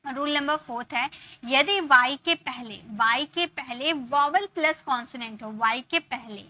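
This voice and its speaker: Bright, high-voiced woman teaching English. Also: unhurried, dry recording. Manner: explains step by step, repeats example words, checks in with "ok". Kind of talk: online grammar lesson.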